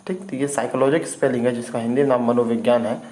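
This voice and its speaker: A man's voice: mid-range voice, fairly even intonation, quick pace, a little mellow, a little hiss or hum, poor audio. A man teaching English vocabulary in an informal video lesson. He spells words out letter by letter and keeps checking in with his students.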